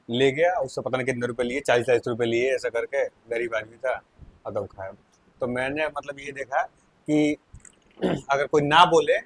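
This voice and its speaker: Casual male storyteller, animated, slightly high-pitched, laughs through his telling. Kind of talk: casual anecdote.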